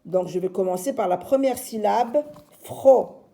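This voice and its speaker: A woman teacher giving a slow, patient reading lesson to young children, sounding out each syllable. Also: medium pitch, creaky, dark tone.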